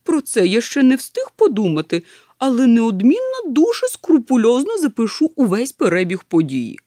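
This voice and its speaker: A woman's voice: on the high side, huge pitch swings, moderate pace, warm tone, dry recording, clean studio sound, pitched above the performer's own voice. A woman voicing an eager, absent-minded male professor in a storybook, precise and lecturing. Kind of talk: storybook reading.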